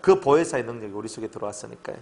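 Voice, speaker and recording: A middle-aged man, preaching a sermon to his congregation in a lively, joking way and often asking them to agree. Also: medium pitch, very fast, gravelly. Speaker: pastor.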